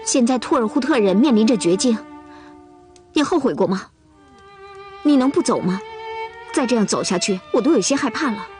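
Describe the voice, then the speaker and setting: A woman's voice: a little high, lively intonation, moderate pace, pauses often, darkish tone, soft background music, natural voice. An actress playing a headstrong, lovesick young Russian woman in a period TV drama, insistent and pleading. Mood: earnest. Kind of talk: television period drama acting.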